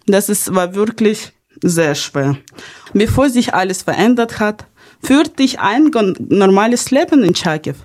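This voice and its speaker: A woman's voice: mid-range voice, lively intonation, unhurried, a little mellow. A young woman hosts a podcast. She speaks earnestly, partly reading from a script, with small slips in her grammar. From Ukraine. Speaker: podcast host. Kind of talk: podcast, partly read narration.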